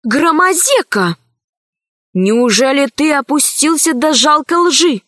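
A woman's voice: sits high, lively intonation, unhurried, dry recording, studio quality. A woman voicing a bold young girl in a storybook reading, frank and outspoken. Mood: indignant.

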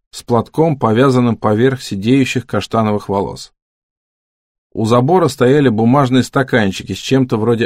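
A man reading an audiobook in a measured, steady narrating voice. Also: medium pitch, no room sound, studio quality. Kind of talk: scripted narration.

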